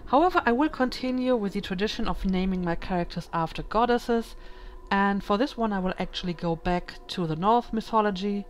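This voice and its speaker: Brief: female let's play host, mid-pitched, hesitant and thinking aloud, faint hiss under the voice. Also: a little fast. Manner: thoughtful, hesitant, many ums. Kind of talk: casual gaming commentary.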